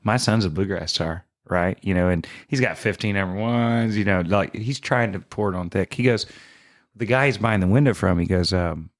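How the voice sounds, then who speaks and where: A man in his thirties with a Southern US accent, a singer-songwriter telling animated stories and laughing often in a casual chat. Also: on the low side, moderate pace. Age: 30s.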